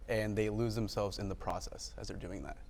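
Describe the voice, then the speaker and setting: A man's voice: lowish voice, steady tone, a little fast, gravelly, a little mellow, slight background noise. A man, a film director, talking conversationally as a guest in a TV interview.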